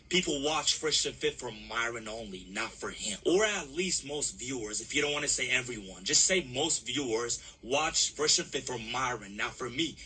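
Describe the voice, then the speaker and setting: A man's voice: mid-range voice, sharp tone, breathy edge, low-quality recording. Mocking male commentary host. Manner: mocking, insulting. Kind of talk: reaction commentary.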